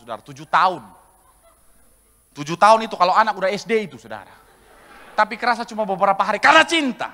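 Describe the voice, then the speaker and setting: High, bright-voiced pastor joking in a big hall. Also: male voice. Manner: joking, acts out couples' voices, addresses congregation as saudara. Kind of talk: lively comic sermon. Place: large church hall, live service. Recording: live church recording with long hall reverb.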